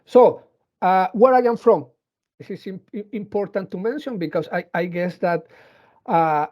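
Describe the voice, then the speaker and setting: A man with a high voice speaks at a moderate pace in a muffled recording. A native Spanish speaker from Venezuela and Colombia with a Latin American accent, he's a robotics engineer giving an educational talk to schoolchildren, hesitating often with fillers and restarts.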